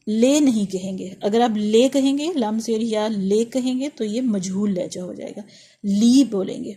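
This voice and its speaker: A woman teaching an online lesson on reading Quranic letters, who explains patiently and sounds out each letter slowly, over and over. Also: fairly high pitch, dark tone. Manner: patient, demonstrates sounds slowly and repeats them.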